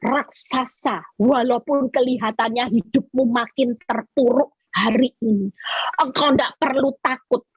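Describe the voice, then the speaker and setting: A middle-aged woman preaches with fervent emphasis over a video call, pressing each point home. Her voice sits high and has a husky edge. The sound is dry and close, with no room around it. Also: a bit bright, dry recording, low-quality recording. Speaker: evangelist preacher. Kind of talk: online sermon via video call.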